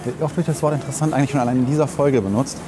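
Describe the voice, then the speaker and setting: A podcast co-host walking through a city fires off his opinions rapidly in a steady, medium-pitched voice, casual and verbose, frequently reformulating what he says. The outdoor recording clearly carries vehicle and street sounds.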